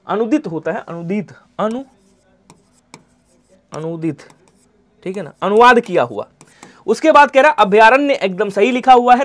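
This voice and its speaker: A man teaching an online Hindi exam-prep class, who answers his own questions in the voice of his students and lets the ends of his sentences fall quiet. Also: high voice. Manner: repeats answers in imagined student replies, drops to quiet trailing endings.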